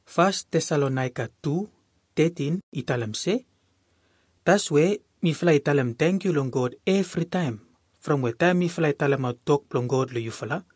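A man's voice: on the high side, darkish tone, slightly rough, dry recording, clean studio sound. A man with a Melanesian Pidgin accent, reading Bible verses aloud as a scripture reader.

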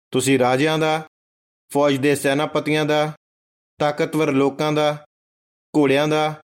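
A man reading a Bible passage aloud in a measured, solemn way. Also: medium pitch. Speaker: Bible reader. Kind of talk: scripture reading.

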